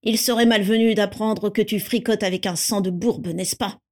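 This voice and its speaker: A man's voice: high voice, steady tone, moderate pace. A woman voicing a cold, domineering older man who talks down to the family and makes threats. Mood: threatening. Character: cold domineering pure-blood patriarch. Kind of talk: audiobook character reading.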